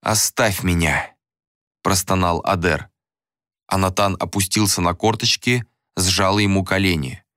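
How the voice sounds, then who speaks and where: Male narrator, low voice, measured dramatic reading, dry close sound. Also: steady tone, a bit bright, no room sound. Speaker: audiobook narrator. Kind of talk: scripted narration.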